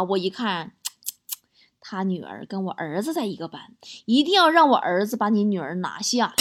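A woman reading funny stories aloud, switching voices for the people she quotes. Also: fairly high pitch. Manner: lively storytelling, voices quoted characters. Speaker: joke reader.

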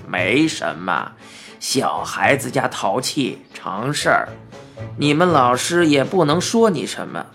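A reader voicing a mischievous, playful old man who talks in a gruff, slow, teasing drawl, in a children's story. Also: medium pitch, big pitch swings, fairly bright tone, soft background music, voice pushed down, exaggerated voice. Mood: indulgent.

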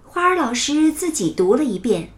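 A woman narrating a children's story in a gentle, expressive storytelling manner. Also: high-pitched, moderate pace.

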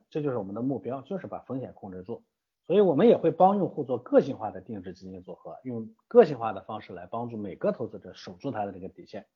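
Husky fast-talking man, lively pitch. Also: highs cut off. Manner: emphatic, with rhetorical questions and tag questions. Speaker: guest from an investment platform. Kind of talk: explanatory interview answers.

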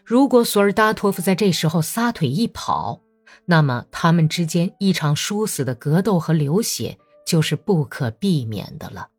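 Husky low-voiced woman reading a novel aloud, faint music underneath. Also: very animated, moderate pace, darkish tone, no room sound. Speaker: audiobook narrator. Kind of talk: scripted novel narration.

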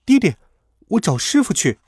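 A man's voice: high-pitched, big pitch swings, normal speed, heavy background noise, pitched above the performer's own voice. A man voicing a bold, mischievous young boy god in a storybook tale, speaking in a raised, eager and defiant way.

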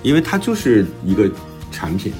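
A man whose voice sits on the low side but swings hugely in pitch speaks at a moderate pace about his own book. As an author and podcast host, he reflects casually on his thinking, with background music playing throughout.

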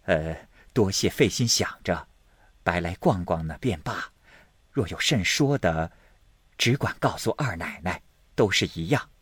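A man voicing a polite, measured middle-aged household servant woman in a storybook reading. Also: low-pitched, animated, fairly bright tone, breathy edge, no room sound, heavily acted.

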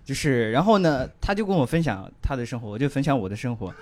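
A man's voice: medium pitch, very animated, fast, darkish tone. A man telling a story on a comedy chat show, hesitant, repeating words and laughing at himself. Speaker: comedian guest. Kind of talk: casual comedy podcast chat.

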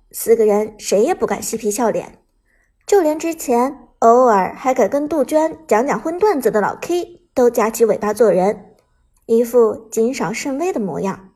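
A woman reads a serialized novel aloud in a steady, even storytelling manner. Her voice sits a little high for a woman, with a soft, breathy grain. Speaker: narrator. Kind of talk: audiobook novel narration.

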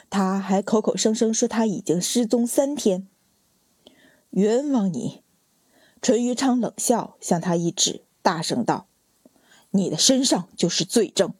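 A woman reading a story aloud as narrator, with an even, storytelling delivery. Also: mid-range voice, normal speed, slightly rough, no room sound. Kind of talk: audiobook narration of a palace drama.

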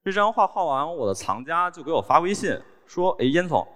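A man telling wry, deadpan stories from a stage in a large hall. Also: a little high, a little fast. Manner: wry, deadpan storytelling with small laughs. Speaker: cartoonist giving a stage talk. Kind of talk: storytelling talk on stage. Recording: long hall reverb from stage.

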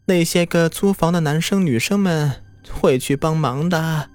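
A man voicing a creepy, raspy old landlady who speaks in curt, ominous warnings, over background music. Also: on the high side, a little slow, darkish tone, pitched above the performer's own voice, natural voice.

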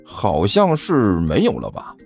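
A man's voice: fairly low pitch, huge pitch swings, measured pace, vocal fry, a little mellow, slightly rough, faint music behind, full character voice. A man voicing a sly male landlord who chats in a falsely cheerful way in an audiobook. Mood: fake-friendly. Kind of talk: audiobook character voice.

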